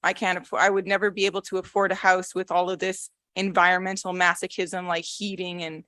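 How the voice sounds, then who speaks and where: A woman's voice: lowish voice, flat delivery, a little fast, pushed and bright, dry recording. A young woman speaking at a public hearing, nervous yet blunt and frustrated. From Canada. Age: young adult. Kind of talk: public comment. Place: council chamber.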